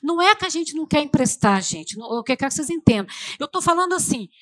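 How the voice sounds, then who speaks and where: High-voiced Brazilian woman preaching. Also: very animated, quick pace, fairly bright tone, no room sound. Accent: Brazilian Portuguese. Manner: emotional, conversational, addresses audience as "gente". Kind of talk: testimonial sermon. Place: church.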